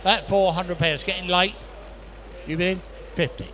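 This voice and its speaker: Male auctioneer calling bids, higher-pitched. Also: fairly even intonation, unhurried, a bit bright, slight background noise. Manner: repetitive patter of prices and bids. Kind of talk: live auction chant, rapid repeated bid calls. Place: busy auction sale room.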